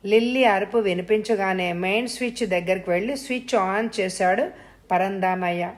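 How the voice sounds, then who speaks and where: A woman storyteller giving a measured, expressive scripted narration of a suspense audio story. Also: medium pitch.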